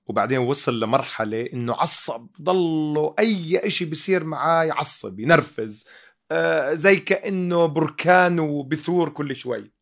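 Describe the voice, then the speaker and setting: A man giving a teaching sermon, emphatic and full of rhetorical questions. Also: mid-range voice.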